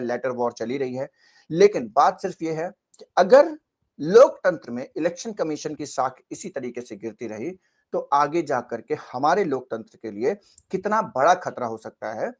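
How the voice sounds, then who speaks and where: A man giving spoken political commentary as a news channel host, earnest and questioning, often pausing and restarting his sentences. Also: a little high.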